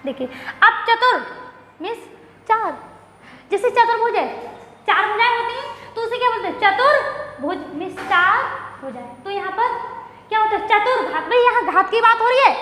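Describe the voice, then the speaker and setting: A woman's voice: very high voice, animated, normal speed, pauses often, sharp tone. A woman teaching a maths lesson who asks questions, answers them herself and repeats key terms. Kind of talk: classroom lecture. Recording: echoey room with faint noise.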